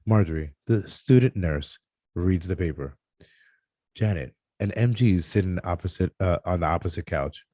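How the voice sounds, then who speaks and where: At a script table read, a man with a low, warm, animated voice reads screenplay stage directions aloud at normal speed, now and then stumbling over a word and correcting himself. The studio recording is dry.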